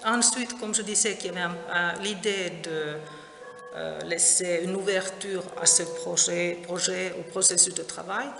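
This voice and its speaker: Interviewed in a gallery where a sound installation's music echoes around her, a middle-aged Finnish visual artist, whose mother tongue is Finnish, speaks hesitantly with frequent pauses, fillers, and restarts. Her voice is fairly low, steady, and a bit gravelly.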